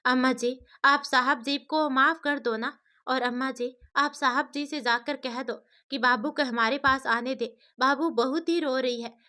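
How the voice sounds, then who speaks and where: Woman voicing a humble young village woman, pleading, high soft tone. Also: steady tone, a little slow.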